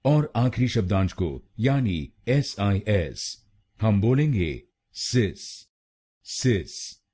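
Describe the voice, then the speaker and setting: Slow, deliberate husky-voiced man teaching pronunciation. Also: lowish voice, sing-song, warm tone. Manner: deliberate, repeats words syllable by syllable. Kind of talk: slow scripted pronunciation lesson.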